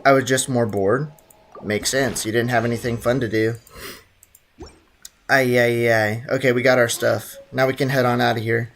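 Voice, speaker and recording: With a mid-range, fairly bright voice and a steady tone, a young streamer talks at a moderate pace while playing a video game. He's chatty, says hello to his chat and mutters to himself as he goes, over faint game music.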